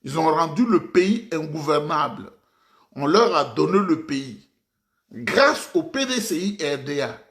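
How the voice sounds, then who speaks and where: A man's voice: a little high, very animated, measured pace, fairly bright tone. A man delivers fiery political commentary in a slightly raised voice. He is declamatory and hammers his points home by repeating them. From Ivory Coast. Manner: declamatory, repeats phrases for emphasis, addresses audience formally.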